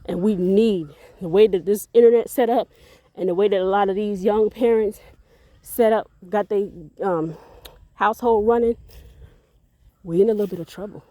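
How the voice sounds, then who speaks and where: A woman's voice: mid-range voice, moderate pace, mellow, dry recording. A woman sharing a rambling, faith-filled parenting story in a casual vlog, a little out of breath as she walks outdoors. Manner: earnest, rambling, faith-filled, repeats words. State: a bit out of breath. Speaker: parent vlogger.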